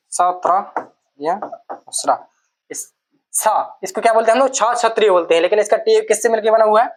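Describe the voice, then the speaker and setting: A male teacher giving a classroom lecture. He dictates notes at a slow pace and repeats each phrase so students can write it down. He keeps asking the class questions and then answers them himself. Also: high-pitched. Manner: dictates slowly, repeating words for students to note down.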